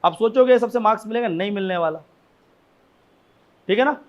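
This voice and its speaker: A man's voice: sits high, fairly quick. A man teaching essay writing in a conversational classroom lecture, often checking in his students and repeating his key points. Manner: conversational, frequent "ठीक है ना" check-ins; repeats key points, asks rhetorical questions.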